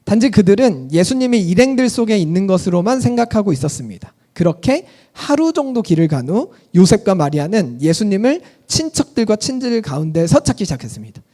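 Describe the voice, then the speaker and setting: Male pastor, animated sermon with a bouncing delivery, questions the congregation. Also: high-pitched, fairly quick, few pauses. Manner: lively storytelling, asks the audience questions.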